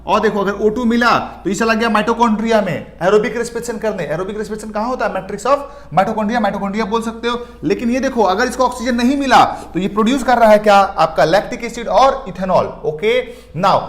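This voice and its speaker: This high-voiced man is a biology tutor giving an exam-prep talk alongside slides. His style is rhetorical Q&A, answering his own questions, and he stretches out key terms while sprinkling in English words.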